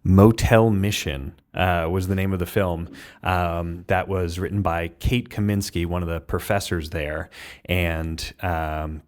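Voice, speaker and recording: A man's voice: low voice, fairly even intonation, unhurried. A man from southern Maine, a filmmaker guest, answering in a friendly, rambling way with many fillers. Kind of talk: casual interview.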